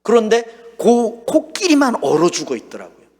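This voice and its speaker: Male pastor, lively storytelling sermon, husky voice, long church reverb. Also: high-pitched, moderate pace. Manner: storytelling, acting out his own lines and shouts. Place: church sanctuary.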